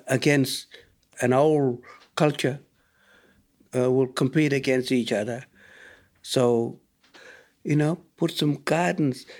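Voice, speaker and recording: A man with an Australian accent giving plain-spoken, deliberate answers in a conversational interview. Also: medium pitch, vocal fry, a little mellow.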